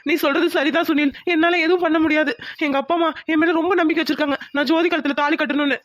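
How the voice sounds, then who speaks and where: A woman's voice: high-pitched, steady tone, rapid-fire, dry recording, lo-fi sound, natural voice. A woman voicing a confused, lovesick young village man who has lost his memory, in a cartoon. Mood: plaintive. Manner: confused, plaintive questioning.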